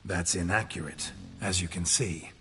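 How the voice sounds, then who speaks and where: An actor playing a terse, stoic monster hunter in a video game, clipped and deadpan with dry impatience. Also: male voice, deep voice, normal speed, slight background noise. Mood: dry, businesslike. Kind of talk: scripted video game dialogue.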